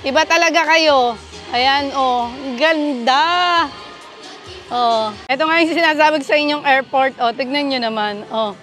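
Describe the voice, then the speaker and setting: Filming on a handheld phone as she walks through an indoor theme park, a woman narrates her casual travel vlog and excitedly exclaims to viewers. She speaks high at a measured pace, with faint music in the background.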